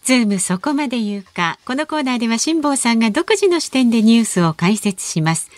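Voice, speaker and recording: Brisk woman co-host on dry radio. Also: on the high side, big pitch swings, no room sound. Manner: brisk, teasing, keeps the show moving. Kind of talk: radio announcing and chat. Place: radio studio.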